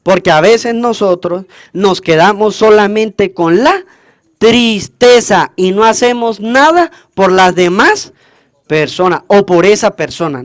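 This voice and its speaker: Priest with a high voice, dry close sound, teaching by question and answer during Mass. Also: male voice, dry recording. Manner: asks the congregation questions and answers them himself. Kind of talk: call-and-response homily at Mass.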